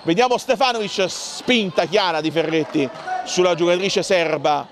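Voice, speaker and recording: A man giving excitable live handball commentary, calling out names and plays in bursts. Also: sits high, normal speed, a crowd in the background. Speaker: sports commentator.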